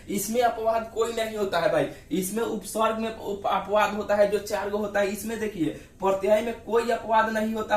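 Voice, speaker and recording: A male teacher explaining a grammar lesson, asking rhetorical questions and repeating himself. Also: high voice. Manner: repeats "ठीक है" and rhetorical questions, drawls words out slowly. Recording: roomy, distant from the mic.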